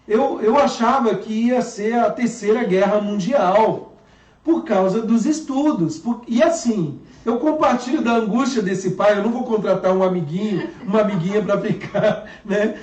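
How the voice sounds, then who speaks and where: A man's voice: high-pitched, normal speed, darkish tone, roomy sound, recorded from a distance. A male pastor giving a casual talk to parents, chatty and telling home anecdotes.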